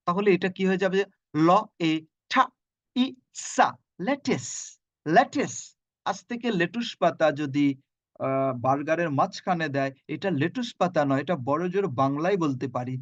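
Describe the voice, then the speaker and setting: A man's voice: on the high side, animated, no echo, lo-fi sound. A middle-aged man with a Bangladeshi accent, teaching pronunciation in an online lesson and drilling words sound by sound. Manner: repeats words slowly in drills, spells out sounds. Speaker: phonetics lecturer. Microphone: video call.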